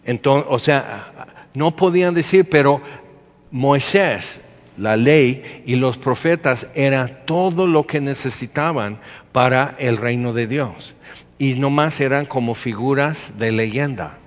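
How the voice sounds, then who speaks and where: Chatty Mexican preacher in a reverberant hall. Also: male voice, mid-range voice, takes it slowly, muffled recording. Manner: casual, chatty, with asides and rhetorical questions. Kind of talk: conversational Bible teaching.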